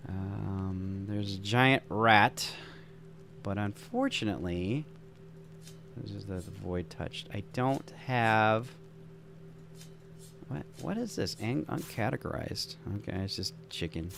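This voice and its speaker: A man's voice: lowish voice, lively intonation, slow pace, vocal fry, long pauses, fairly bright tone, a little hiss or hum. A man casually talking through building a game scenario, thinking aloud with enthusiastic, rambling asides. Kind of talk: casual gameplay commentary.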